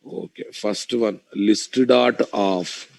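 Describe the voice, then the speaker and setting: A man's voice: fairly low pitch, fairly even intonation, takes it slowly, gravelly, no room sound. A man with a Telugu Indian accent giving an informal live coding lecture, thinking aloud, repeating his phrases and putting questions to his students. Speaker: programming instructor.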